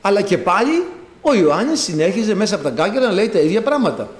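A man preaching a sermon in a lively, emphatic way, acting out the voices he quotes. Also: sits high, roomy sound. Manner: animated preaching, acts out quoted voices, rising to emphatic peaks. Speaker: priest.

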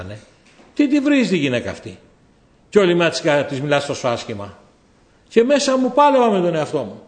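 A man preaches, his voice fairly high and very animated. He moves between raised exhortation and quiet, low asides. The sound is roomy, with the echo of a hall. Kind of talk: sermon. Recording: echoey hall.

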